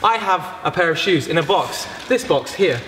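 A man's voice: fairly high pitch, animated, moderate pace. A young man hosting a casual parkour vlog with playful, teasing banter, recorded indoors in a gym. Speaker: host. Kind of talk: casual chat. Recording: echoey hall with background noise.

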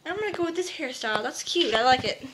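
A woman's voice: high-pitched, expressive, very fast. A teenage girl vlogging casually to her webcam, hyper, giggly and rambling. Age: teens. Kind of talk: casual chat to camera. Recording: noisy webcam recording.

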